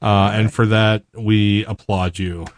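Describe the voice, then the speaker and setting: A man's voice: fairly low pitch, level tone, slow pace, background noise. A man co-hosting a podcast in casual chat, talking with many fillers and restarts. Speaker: podcast co-host.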